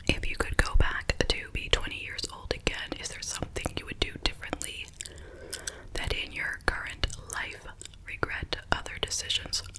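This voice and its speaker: Middle aged lady whispering asmr, chatty q&a ramble, chewing gum, tingly mouth sounds. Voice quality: soft breathy whisper. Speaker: ASMR video host. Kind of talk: ASMR whispering, casual Q&A chat.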